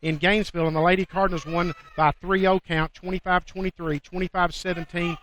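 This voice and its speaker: A man's voice: high voice, little pitch movement, quick pace, fairly bright tone, a little hiss or hum. A man calling a college volleyball broadcast from courtside, upbeat and informative. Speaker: play-by-play broadcaster. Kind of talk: sports commentary. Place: courtside in a gym.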